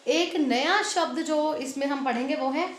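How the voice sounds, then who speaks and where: A woman school Hindi teacher giving a lesson, reading out word lists slowly and stressing each word and its spelling. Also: high voice, echoey room. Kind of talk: online class lesson.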